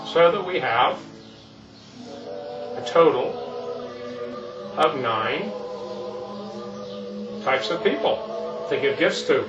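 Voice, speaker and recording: A man playing Santa Claus as an older keynote speaker, explaining things in a folksy, meandering way. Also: a little high. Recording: echoey, distant, muffled, music behind.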